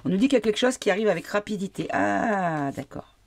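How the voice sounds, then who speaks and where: A tarot card reader with a cold reads cards for her viewers in a casual, hesitant way, often asking the cards questions out loud. Her mid-range voice is animated, with vocal fry, and she speaks at a quick pace.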